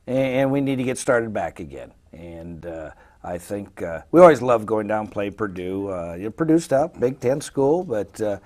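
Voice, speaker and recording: A man with a low voice who coaches a college softball team talks through his lineup in a folksy, rambling way. His phrases often sink into soft fillers as he trails off. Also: animated, normal speed. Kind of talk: interview answers.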